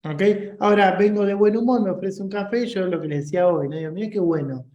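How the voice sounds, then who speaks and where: A man's voice: high-pitched, fast, warm tone, roomy sound, dull audio. A man with a Rioplatense Spanish accent, giving an informal leadership coaching class and checking in often with his listeners.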